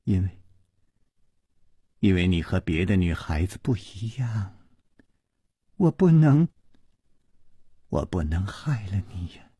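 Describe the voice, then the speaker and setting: Man doing a tired sighing woman, low quiet husky voice. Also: animated, a little slow, no echo, full character voice. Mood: weary. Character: weary, aloof older woman, sighing and guarded.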